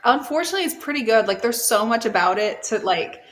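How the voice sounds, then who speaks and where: A woman's voice: on the high side, expressive, quick pace. A woman hosting a casual TV chat show, talking loosely with many fillers. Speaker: podcast host.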